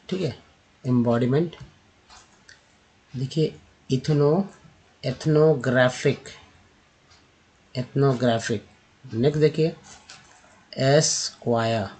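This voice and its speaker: Male pronunciation teacher, Hindi native, mellow and husky tone, drawn-out word-by-word delivery. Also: mid-range voice, poor audio. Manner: repeats each word slowly, spelling out sounds. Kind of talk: slow word-by-word pronunciation lesson.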